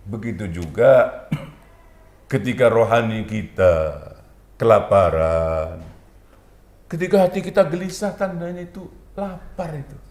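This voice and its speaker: A man's voice: on the high side, gravelly, a little mellow. A middle-aged man with a Lampung Indonesian accent giving a sermon, drawing out his words for emphasis and chanting Quranic verses. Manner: drawn-out emphatic phrasing, Quranic recitation in a chanting tone. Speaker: pesantren leader preaching to parents. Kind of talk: monthly Islamic study sermon. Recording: echoey room.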